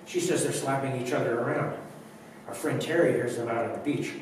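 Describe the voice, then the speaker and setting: A man reading his own poetry aloud at a library event, telling it in a measured, wry way with dry humor. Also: medium pitch, a little hiss or hum. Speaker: poet reading his work. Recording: very echoey room, mic far off, audible background.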